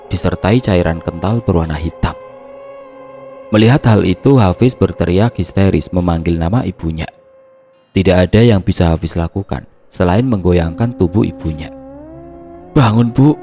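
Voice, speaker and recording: A man narrating a horror story in a steady, hushed storytelling manner. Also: low voice.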